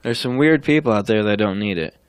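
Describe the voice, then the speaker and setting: A man's voice: lowish voice, animated, fairly quick, smooth, no echo, studio quality. A man co-hosting a radio show, chatting casually with a joking, teasing manner. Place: radio studio.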